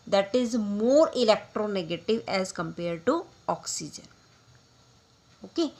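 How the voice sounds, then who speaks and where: Slow-paced woman teaching chemistry. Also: fairly high pitch. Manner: slow, deliberate, repeats key terms, addresses students as beta. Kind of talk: classroom lecture mixing Hindi and English.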